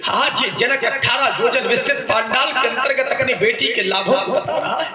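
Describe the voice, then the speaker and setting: A male stage actor playing a grieving, proud king and father in a devotional Ramlila drama, declaiming theatrically with drawn-out, hammy delivery. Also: extremely high pitch, over a noisy crowd. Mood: proud pleading. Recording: echoey stage PA with loud music. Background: loud musical accompaniment.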